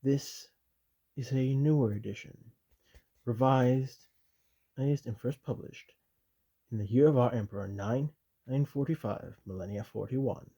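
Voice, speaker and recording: A man doing a soft-spoken stern commissar, whispered role-play. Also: mid-range voice. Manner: measured, officious, with dry asides. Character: stern loyal male commissar reading aloud.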